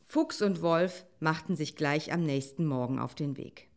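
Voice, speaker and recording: A woman calmly reading a children's animal story aloud as narrator. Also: sits low, measured pace.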